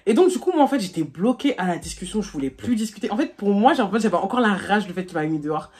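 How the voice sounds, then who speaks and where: A woman's voice: medium pitch, fast. A young woman telling a personal story to her followers in a casual, chatty way, peppered with slang fillers and laughter. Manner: animated, laughs while telling. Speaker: vlogger.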